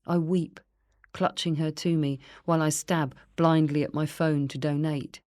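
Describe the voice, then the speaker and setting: A woman with a low, deep-set voice reads her own memoir aloud in a quiet, earnest, reflective way. The recording is close and dry, with no room sound. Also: level tone, a little slow, dry recording. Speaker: memoir narrator. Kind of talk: first-person memoir reading.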